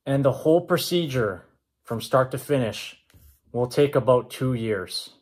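A man, talking to camera in a measured, matter-of-fact way in a room at home. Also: medium pitch, animated, darkish tone. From Canada. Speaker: vlogger. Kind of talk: vlog talk to camera. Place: indoors, open-plan home with kitchen and stairs.

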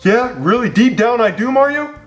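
A blustering, greedy landlord, as a man plays him for a puppet comedy, pompous and mock-menacing. His voice sits high and leaps wildly up and down, and it rings in an echoey room. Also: expressive, normal speed, soft background music. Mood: gloating. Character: greedy blustering middle-aged male landlord. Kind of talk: comedy puppet-show acting.

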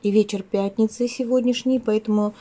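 This woman is a craft vlogger and channel host, talking casually indoors at home in a chatty vlog. She rambles and interrupts herself affectionately, in a mellow, steady mid-range voice at a fairly quick pace.

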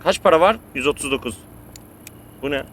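A man giving profane, excitable gameplay commentary to his viewers as a streamer. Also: a little high, a little fast, a little hiss or hum.

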